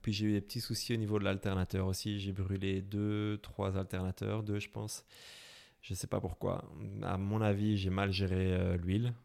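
A man's voice: deep voice, level tone, normal speed, vocal fry, darkish tone. A young man from Belgium with a Brussels accent, speaking casually in an interview, hesitant with many fillers and restarts. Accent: Brussels French. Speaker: interviewee, motorcycle traveler.

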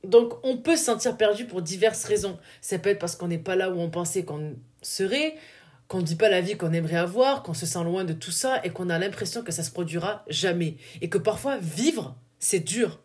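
A woman's voice: lowish voice, animated, moderate pace, darkish tone. A young woman with a southern French accent hosting a casual solo podcast, talking in a chatty, filler-heavy way and laughing at herself. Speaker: podcast host.

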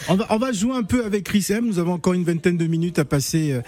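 A man's voice: sits high, lively intonation, fast talker, a little mellow. A man from Cameroon hosting a radio show, chatting with callers and a guest in a jovial, teasing way. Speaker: radio host. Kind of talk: casual radio chat with callers.

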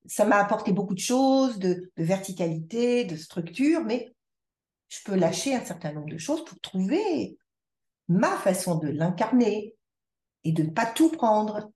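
A woman guest on a podcast reflects in conversation, circling back, repeating herself and restarting sentences as she thinks aloud. Her medium-pitched, slightly mellow voice has big pitch swings and a measured pace, in an echoey room.

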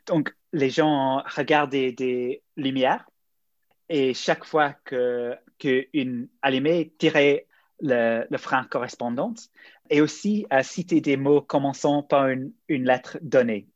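A man from England with an English accent explains research as an interview guest, in halting, broken non-native French with grammatical slips. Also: mid-range voice, no room sound, muffled recording. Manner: halting, hesitant delivery.

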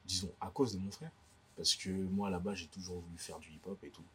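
A man's voice: sits low, steady tone, fairly quick, fairly bright tone, slight background noise. A young adult man from Guadeloupe, a DJ being interviewed, talking casually and hesitantly with many fillers and restarts. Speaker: DJ guest. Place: indoor cultural space in a bookstore.

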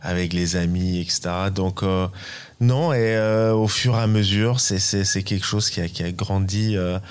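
A man in his fifties from Iran, who later lived in the US, UK and France, answers interview questions hesitantly as a podcast guest, searching for words and repeating them. He is a watch auction executive, and his low-pitched voice is clear and resonant, with fairly even intonation at a normal speed.

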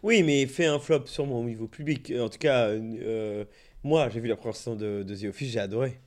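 A man at a middle pitch gives analytical views in a casual chat. He often pauses to search for words. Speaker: panelist in a review chat.

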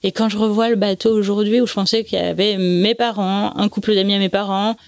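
Relaxed woman in her forties, dry sound. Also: mid-range voice, fast talker, no room sound. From France. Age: 40s. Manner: explains at length in a relaxed, conversational way. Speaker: guest, offshore sailor. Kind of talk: casual interview conversation.

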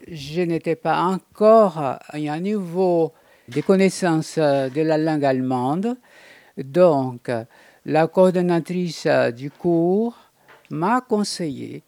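Slow-spoken woman from Brazil. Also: low-pitched, dark tone, dry recording. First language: Portuguese. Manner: slow, searching for words, with pauses and restarts. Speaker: doctor and activist. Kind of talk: personal testimony.

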